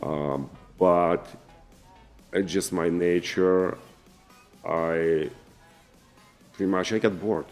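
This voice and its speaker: A man in his forties with a Russian accent, telling his own story to camera in an earnest, halting way with many fillers and restarts. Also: sits low, steady tone, faint music behind. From former Soviet Union. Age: 40s. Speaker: vlogger and businessman. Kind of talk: casual personal storytelling to camera.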